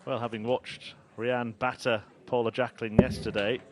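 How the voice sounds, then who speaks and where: A man's voice: medium pitch, flat delivery, normal speed. A man giving analytical live commentary on a darts match. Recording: loud background noise.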